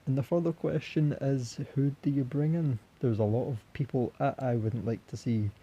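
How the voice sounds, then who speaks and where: A young man with a hoarse voice that is giving out, talking in a disappointed, halting way as a football fan reacting after a match. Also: mid-range voice, fairly even intonation, dark tone, dull audio. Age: young adult. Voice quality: husky, raspy. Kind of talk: solo post-match reaction talk.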